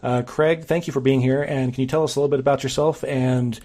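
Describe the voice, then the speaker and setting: A man in his forties hosting a casual movie podcast, easygoing and quick to laugh. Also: mid-range voice, steady tone, dark tone. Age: 40s. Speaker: podcast host. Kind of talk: casual chat.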